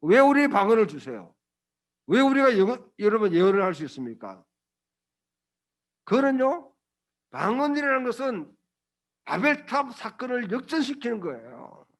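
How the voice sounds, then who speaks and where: A man's voice: very high voice, sing-song, normal speed, long pauses. A male pastor preaching a Sunday sermon, emphatic and colloquial, with blunt asides and rhetorical questions to the congregation.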